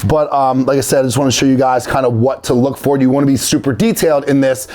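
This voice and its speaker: A man's voice: medium pitch, steady tone, fast, dark tone. A man talking informally to his viewers as host of a casual how-to video. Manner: informal, addresses viewers as guys. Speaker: host of a DIY video series.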